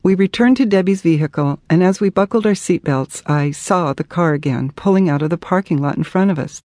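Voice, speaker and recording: A woman's voice: fairly low pitch, dark tone, dry recording. Earnest woman reading her memoir. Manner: measured, earnest storytelling. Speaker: author narrating her memoir. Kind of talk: scripted audiobook narration.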